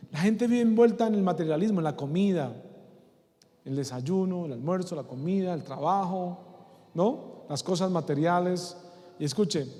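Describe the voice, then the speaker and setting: A man's voice: sits high, warm tone. A male pastor preaching a sermon, often putting questions to the congregation and repeating key words. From Colombia. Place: church hall. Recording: long church hall reverb.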